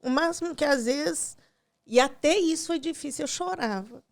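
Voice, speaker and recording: A tearful woman with a high voice and a gravelly edge tells a painful personal story. She acts out each exchange in quoted dialogue, and at times her voice drops to near a whisper. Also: moderate pace. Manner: retells scenes with quoted dialogue, voice breaking softly. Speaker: podcast guest.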